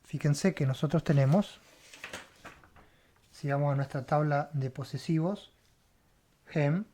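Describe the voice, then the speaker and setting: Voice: mid-range voice, measured pace, mellow. A Hebrew teacher gives a word-by-word lesson, spelling out letters, repeating sounds and checking in with a questioning "right?" after each step. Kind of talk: word-by-word Bible language lesson.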